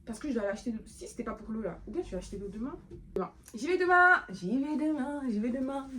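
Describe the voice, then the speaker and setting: A woman's voice: a little high, very fast, dark tone, slightly rough. A woman vlogging in a casual chat, rambling and thinking aloud with lots of hesitations and playful self-talk.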